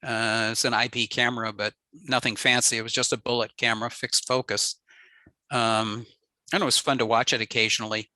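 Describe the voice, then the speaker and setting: With a very bright, sharp mid-range voice and little pitch movement, a ham radio presenter walks through a technical slide presentation at an easy yet fairly quick pace, dropping frequent ums and uhs. The sound is dry and close, with no room sound around it.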